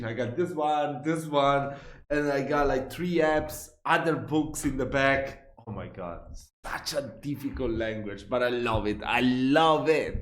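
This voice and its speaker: Chatty man in an echoey room. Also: mid-range voice. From Italy. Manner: chatty, laughs often, playful asides. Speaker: reaction video host. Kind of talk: casual reaction commentary. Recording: roomy echo.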